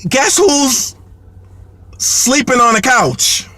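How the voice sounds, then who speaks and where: A man's voice: extremely high pitch, drawn-out words, no echo. A man telling a comic story in a rambling way, full of fillers and repeated words, laughing as he goes. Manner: animated, laughs between lines.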